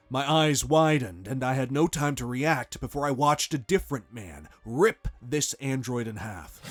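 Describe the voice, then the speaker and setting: A man's voice: mid-range voice, slight background noise. A man reading a first-person horror story aloud in a tense, dramatic way. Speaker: narrator. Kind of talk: scripted horror narration.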